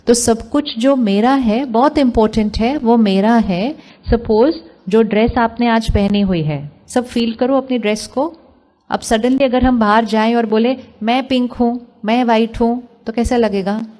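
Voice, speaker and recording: A woman's voice: on the high side, unhurried, a little mellow. An Indian woman giving a spiritual talk to a live audience, asking them questions and mixing English phrases into her speech. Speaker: spiritual speaker.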